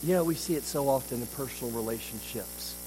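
A man preaching a sermon at a church service, swinging between loud emphasis and quiet intensity and asking the congregation rhetorical questions. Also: mid-range voice, quick pace, noisy background. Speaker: pastor.

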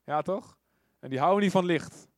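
A man's voice: high-pitched, moderate pace, no echo. A man preaching an informal sermon who often asks rhetorical questions and tells the story with animation. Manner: animated storytelling with acted quotes. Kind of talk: conversational sermon.

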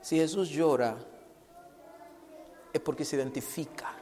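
A man preaching a sermon on a microphone. He asks rhetorical questions and swings between loud, emphatic lines and hushed ones. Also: on the high side, measured pace. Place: church hall. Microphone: handheld microphone. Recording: hall with long reverb.

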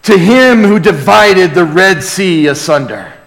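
A congregation in a large, reverberant church hall hears a man preach and read scripture with emphatic, reverent delivery. His high voice is animated and fairly bright, and he speaks unhurriedly through the amplified live sermon.

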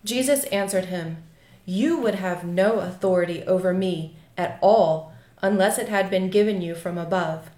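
A woman's voice: on the low side, moderate pace, dark tone. Woman reading scripture in an echoey room. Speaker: scripture reader.

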